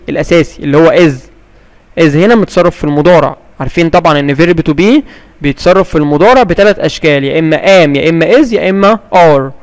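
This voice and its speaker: Egyptian male English teacher, fairly high voice, asks and answers his own questions, reverberant room. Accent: Egyptian Arabic. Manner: reads English examples slowly and carefully. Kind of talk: classroom-style grammar explanation.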